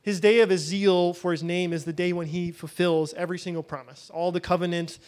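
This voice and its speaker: A man's voice: high voice, level tone, fairly quick, a little mellow. A man teaching a Bible session in a loose, conversational way, thinking aloud as he goes.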